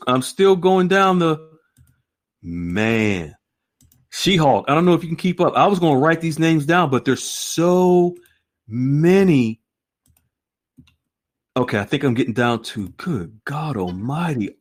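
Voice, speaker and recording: A man hosting an online group call, animated and exclaiming often. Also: mid-range voice. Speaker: host.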